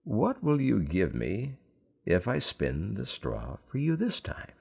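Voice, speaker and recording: A man voicing a sly, gleeful, bargaining little goblin-like man in a storybook, with drawn-out, insistent, theatrical delivery. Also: fairly low pitch, wildly swooping pitch, creaky, darkish tone, husky, exaggerated voice.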